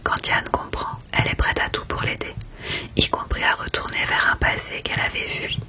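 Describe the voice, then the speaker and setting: A woman speaking in a hushed, unvoiced library whisper, chatting about books in an ASMR style. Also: moderate pace. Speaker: ASMR creator reviewing books. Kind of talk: whispered ASMR book chat.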